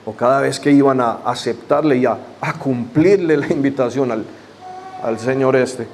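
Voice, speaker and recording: A pastor with a medium-pitched, darkish voice speaks at a normal speed while a slight hiss or hum sits in the background. He leads the service with fervent prayer and repeated invocations, then shares his testimony in a loose, conversational way.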